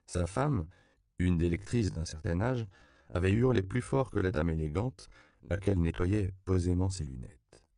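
A man reading a novel aloud as an audiobook narrator, measured and even, on a close studio mic. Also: deep voice, gravelly, no echo. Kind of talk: scripted narration.

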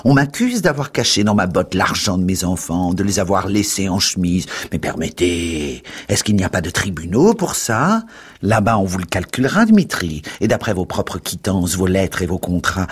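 A man reading aloud and voicing a blustering old father who whines and wheedles in shrill protests. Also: slightly rough, exaggerated voice. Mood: whining. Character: blustering old father, self-pitying and sly. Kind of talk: dramatic book reading.

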